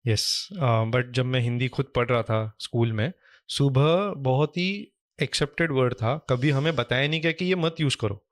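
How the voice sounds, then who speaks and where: A male podcast host talks casually and slips English words into his Hindi. He often gives his guest brief acknowledgements. His voice is medium-pitched and sounds dry and close. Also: normal speed, no echo. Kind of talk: podcast interview.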